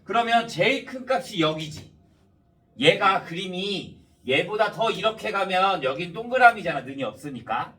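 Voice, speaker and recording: Male math tutor, high animated pitch, slightly numb, lisping articulation after dental work, checks understanding often, a little off-mic. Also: normal speed, recorded from a distance. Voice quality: slightly slurred, lisping diction, numb-mouthed after wisdom tooth extraction. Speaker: math teacher. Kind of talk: step-by-step math lesson with rhetorical questions to students.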